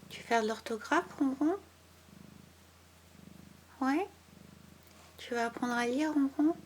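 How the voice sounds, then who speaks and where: A woman teacher giving a remote spelling lesson to young children, patient, spelling out letters one by one and dropping into soft asides. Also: fairly high pitch, moderate pace, a little hiss or hum. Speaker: primary school teacher.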